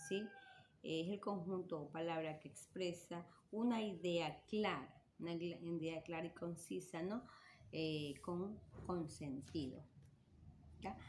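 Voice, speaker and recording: Woman, teacher, slow patient explanation, lowish voice, noisy background. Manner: slow, patient, checks with frequent tag questions. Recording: clear background noise.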